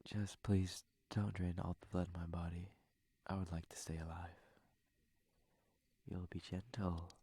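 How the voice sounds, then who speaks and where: For an intimate ASMR roleplay, a man performs a shy, courteous, flustered young prince in a heavily acted, low-pitched voice. He speaks gently and hesitantly in formal phrases, frequently whispering breathily, with no echo.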